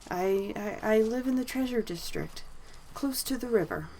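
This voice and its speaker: A woman voicing a shy little kitsune girl who speaks softly, stammering and near tears. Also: on the high side, lively intonation, unhurried, a little hiss or hum, pitched above the performer's own voice, low-quality recording. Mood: shy, tearful. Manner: soft, whimpering, stammering.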